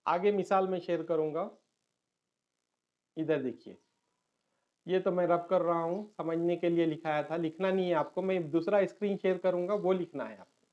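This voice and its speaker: A man's voice: sits high, long pauses. Male teacher. Patient online lesson that repeats key terms and switches into English. Dull, lo-fi recording.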